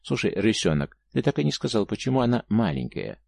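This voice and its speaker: A man voicing a commanding male ataman of a boat crew who talks in a gruff, bossy way. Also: lowish voice, very animated, fairly quick, a little mellow, no room sound, clean studio sound, exaggerated voice.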